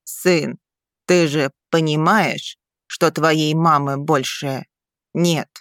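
A woman reading the part of a calm, affectionate noble father who is a werewolf, in an audiobook. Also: sits low, unhurried, no echo, clean studio sound. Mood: careful.

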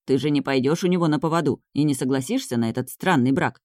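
Brief: woman narrator doing soft-spoken noble friend, dry close sound. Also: extremely low pitch, no room sound. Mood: worried. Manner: quiet, measured. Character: quiet, soberly dressed male nobleman.

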